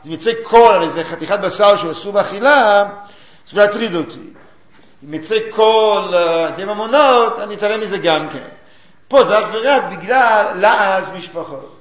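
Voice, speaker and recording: A man's voice: high voice, fairly bright tone, roomy sound. A man giving a Talmudic study lecture, explaining sources and chanting the quoted texts.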